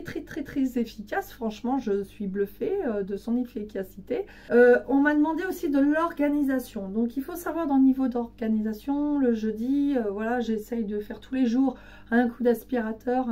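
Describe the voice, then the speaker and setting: A woman vlogger with a hoarse, raspy and breathy voice, as if it is only just coming back. She chats casually and explains step by step in a fairly high, soft-edged tone. She sounds a little away from the mic. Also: recorded from a distance. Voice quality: raspy, partly breathy voice from voice loss. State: hoarse, weak voice recovering from laryngitis. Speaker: home cleaning vlogger. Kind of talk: casual chat to camera.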